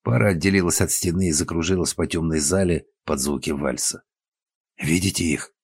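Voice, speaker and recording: A man reads an audiobook in a very deep, husky voice. He narrates steadily and evenly, close to the microphone, in a dry room with no echo. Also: fairly quick, darkish tone. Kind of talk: scripted narration.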